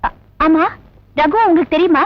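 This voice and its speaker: A woman's voice: very high-pitched, steady tone, normal speed, dry recording. An actress playing an earnest young stenographer who defends the man she loves. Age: young adult. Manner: earnest, sincere. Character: earnest young woman in love, loyal. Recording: dull old film soundtrack with music. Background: background music.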